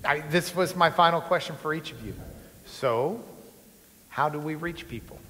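A male moderator on a panel with a fairly high voice. He asks his questions in a friendly way, and a long hall reverb trails after his words. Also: normal speed, pushed and bright, slight background noise. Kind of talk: panel discussion.

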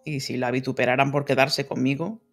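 A man voicing a stern, brooding gentleman who is master of the house, speaking in terse, commanding questions in an audiobook reading. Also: medium pitch, flat delivery, a little fast, gravelly, faint music behind. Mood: probing.

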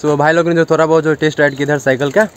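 A man's voice: fairly high pitch, steady tone, very fast, a crowd in the background. A young man riding a bicycle on a rural road, chatting casually to his viewers on an action camera. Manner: chatty, keeps addressing viewers as guys. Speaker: cycling vlogger. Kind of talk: casual vlog commentary while riding. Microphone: helmet or handlebar action camera.

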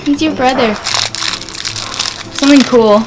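Woman, high pitch, teasing and playful, casual home video, background noise. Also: measured pace. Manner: playful, teasing, laughs often. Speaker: vlog host filming her family. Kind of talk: casual family chat. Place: outdoor patio at home.

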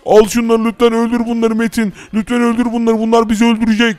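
A man's voice: very high-pitched, monotone, quick pace, darkish tone, no room sound. A man voicing a frightened male market vendor who pleads with the hero for help. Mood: pleading. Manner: pleading, grateful.

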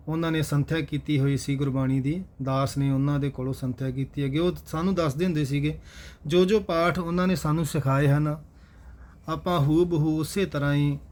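A man with a Punjabi accent reciting scripture in a slow chant, pausing to explain how each word should be pronounced. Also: a little high. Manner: measured, instructive, repeats each correct pronunciation. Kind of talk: slow chanted scripture reading with spoken pronunciation notes.

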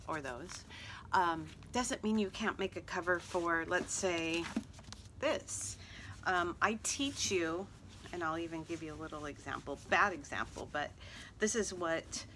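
A woman with a fairly low voice chats casually to her viewers, wandering from topic to topic with fillers and little self-deprecating jokes. She is recorded outdoors, with a faint hum of ambient noise behind her. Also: fairly bright tone. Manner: chatty, rambling with fillers and self-deprecating asides. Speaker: craft vlogger. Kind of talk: casual chat to camera. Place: outdoors at a table.

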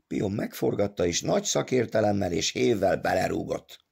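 Deep gravelly male audiobook narrator. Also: animated, darkish tone. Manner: measured storytelling. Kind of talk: scripted narration.

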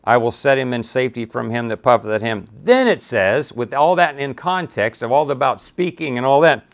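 A man's voice: mid-range voice, expressive, normal speed. A man teaching a Bible study, reading scripture aloud and talking it through in a conversational way with frequent restarts and asides.

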